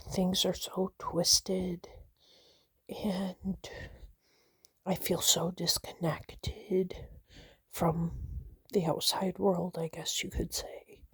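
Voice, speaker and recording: A woman whispering a personal vlog, nervous and shaky, halting with many fillers and restarts. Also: lowish voice, slightly rough, dry recording. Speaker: vlogger.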